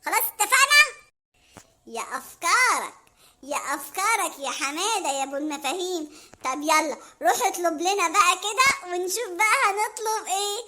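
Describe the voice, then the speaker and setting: A woman plays an excitable young Egyptian sweetheart in a homemade comedy skit. Her voice is very high and bright, and she gushes and coaxes her partner. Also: moderate pace, full character voice. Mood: gushing. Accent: Egyptian Arabic. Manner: excited, gushing and coaxing.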